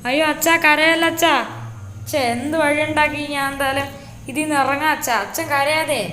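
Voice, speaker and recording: This is a cocky young son from a game web series, voiced by a woman. He talks loudly and brashly, in a high voice. The sound is echoey, with a faint hiss. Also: level tone, moderate pace. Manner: loud, brash.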